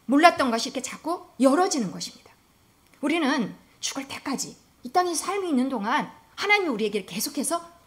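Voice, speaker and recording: A woman preaching a sermon in an earnest, emphatic manner, often dropping to a soft, hushed voice. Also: high-pitched.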